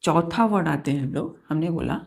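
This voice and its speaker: A woman teaching a vocabulary lesson, slowly spelling words out letter by letter and often asking her students whether it is clear. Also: sits low, animated, darkish tone. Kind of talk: classroom lesson.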